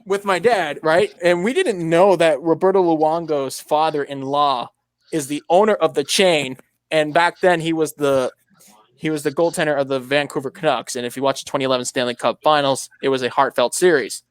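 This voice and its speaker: A man hosts a loose racing podcast and tells rambling anecdotes, often restarting his sentences. His voice is smooth and resonant, a little higher than most men's, and the sound is dry and close. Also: normal speed, no room sound. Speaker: podcast host. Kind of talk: casual motorsport podcast chat.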